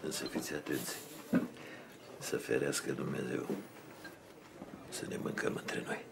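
A man's voice: a bass voice, level tone, gravelly, background noise, exaggerated voice. A man playing a menacing crime boss who hosts a feast and speaks in a commanding, threatening way. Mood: warning. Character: menacing older male mob godfather, gravelly. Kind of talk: film dialogue.

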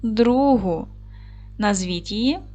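A woman teaching a recorded lesson to young schoolchildren. She speaks slowly and carefully, asks questions, pauses, and then answers them herself. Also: mid-range voice, expressive, dark tone, dull audio. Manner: slow, careful, clearly spelled-out speech. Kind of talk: video lesson for young children.

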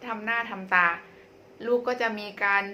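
A woman parenting coach explaining child language development to mothers, in a gentle, repetitive way with frequent polite particles. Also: fairly high pitch, fairly even intonation, normal speed, slight background noise. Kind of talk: instructional talk to mothers.

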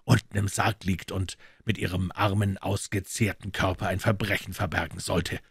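A man reading a brisk commanding detective. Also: low-pitched, level tone, breathy edge, dry recording, clean studio sound, heavily acted. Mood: urgent. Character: urgent, commanding male detective. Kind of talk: audiobook character voice.

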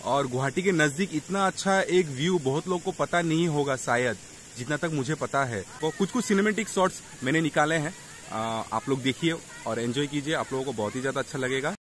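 At a rocky waterfall, a young man vlogger narrates a travel vlog, chatting and showing viewers around with a phone camera held at arm's length. His voice is on the high side and brisk, with outdoor noise in the background.

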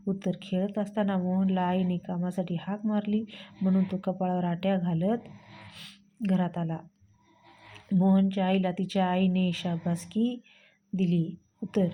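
A woman's voice: mid-range voice, lo-fi sound, slight background noise. A woman teacher with a Marathi accent, steadily reading out textbook exercise answers.

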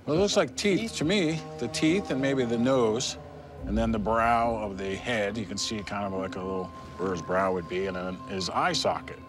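Recorded outdoors on a lapel mic at a jungle base camp, a middle-aged treasure hunter gives plainspoken, practical field talk during an expedition. His fairly low voice moves at a moderate pace, with music playing in the background.

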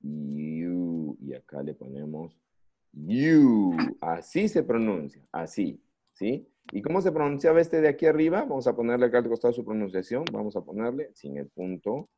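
A Peruvian man leads an online English lesson in a lively, playful way. His pitch swings widely as he prods the students with questions, and his tone is mellow and dark. He comes through a video call with slightly dull, lo-fi audio. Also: fairly quick. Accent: Peruvian Spanish. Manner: lively, coaxing, playful, asks many questions. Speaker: English teacher. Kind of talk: online class for young students. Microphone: computer mic on a video call.

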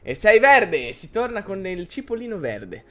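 A man's voice: high voice, very animated, a little slow, fairly bright tone. A man streaming live, chatting casually and rambling as he answers his chat viewers.

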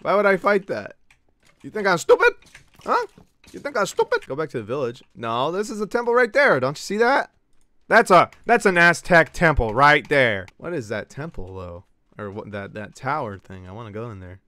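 A male Twitch streamer giving excitable live gameplay commentary, swearing and yelping as he banters with his chat. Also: medium pitch, moderate pace, dry recording.

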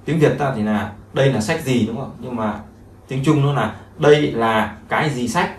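A man's voice: medium pitch, moderate pace. A man, teaching a language lesson and explaining each phrase over and over with many fillers. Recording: echoey room, mic at a distance, faint noise.

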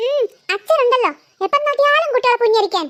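A woman's voice: very high voice, fast talker, fairly bright tone, no room sound. A woman voicing a scolding cartoon mum. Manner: scolding, exasperated, sighing. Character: harried cartoon mother, scolding her daughters. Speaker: mother.

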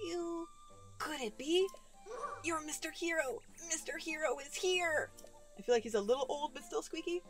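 A woman doing a squeaky little forest sprite. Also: moderate pace, natural voice. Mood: eager. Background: game music.

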